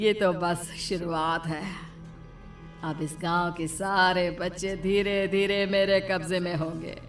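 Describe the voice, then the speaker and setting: A woman's voice: on the low side, fairly even intonation, slow, faint music behind. A woman voicing a menacing old hag witch who preys on children, drawing out her threats in a children's story. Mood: sinister glee. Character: menacing cackling banana-selling witch, female, 55, preying on children. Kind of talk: acted villain in an animated children's story.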